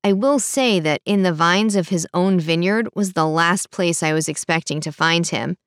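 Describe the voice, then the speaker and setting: A woman voicing a calm, measured male police officer in an audiobook. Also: lowish voice, clear, resonant tone, no echo, studio quality, close to an everyday voice.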